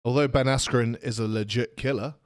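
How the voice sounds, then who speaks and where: A man's voice: mid-range voice, a little fast. A young man co-hosting a casual podcast, cracking dry jokes and sometimes reading a report aloud. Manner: dry wisecracking, lively up-and-down delivery. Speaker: podcast co-host.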